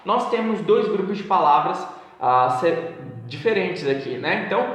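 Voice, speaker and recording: A man from Brazil gives a casual English lesson. His voice sits a little high, and he explains patiently, slowing down to repeat each example. The room is very echoey, with a long reverb trailing after his words. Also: expressive, fairly bright tone. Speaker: English teacher.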